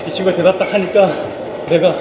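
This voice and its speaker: High-voiced man chatting while running, echoey and noisy. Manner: talking while slow running; animated retelling, acting out quoted dialogue. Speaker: actor vlogging about his drama work. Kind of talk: casual storytelling chat to camera. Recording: echoey, noisy with rumbling ambience.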